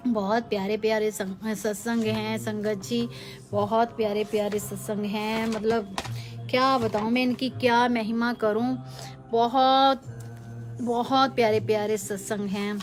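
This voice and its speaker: A woman's voice: a little high, flat delivery, a little slow, faint music behind. A middle-aged woman giving a chatty devotional testimony to a live online group, mixing English phrases into her Hindi. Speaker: satsang speaker. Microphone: phone or webcam.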